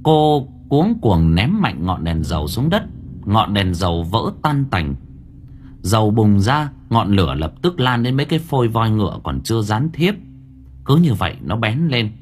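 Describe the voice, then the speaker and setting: A man narrating a horror audio story in a dramatic, expressive way. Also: lowish voice, unhurried, a little hiss or hum. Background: faint background music.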